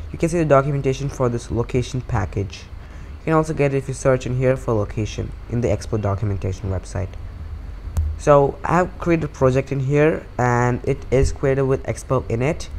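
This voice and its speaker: A man's voice: mid-range voice, a little mellow, a little hiss or hum. A man hosting a coding tutorial, walking through code step by step with occasional fillers over a screen recording.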